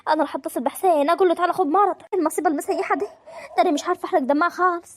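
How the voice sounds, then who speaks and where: A woman's voice: very high voice, fairly even intonation, racing. A woman voicing a fussy, dramatic middle-aged mother-in-law in an Egyptian cartoon, scolding with an Egyptian accent. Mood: indignant. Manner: bickering, complaining. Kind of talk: animated cartoon voice acting.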